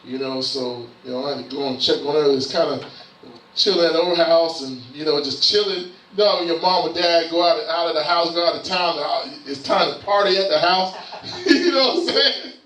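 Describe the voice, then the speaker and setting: High-voiced preacher in a roomy church. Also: male voice, fairly quick, a bit bright. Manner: conversational, repeats "you know what I'm saying". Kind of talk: casual sermon. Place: church sanctuary. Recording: roomy church sound from a distant mic.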